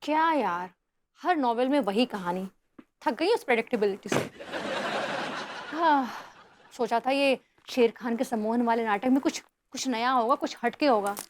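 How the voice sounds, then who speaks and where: A woman's voice: fairly high pitch, normal speed, a little hiss or hum, lightly acted. An actress playing a refined, dramatic modern wife who drawls and mixes English into her Hindi. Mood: wistful.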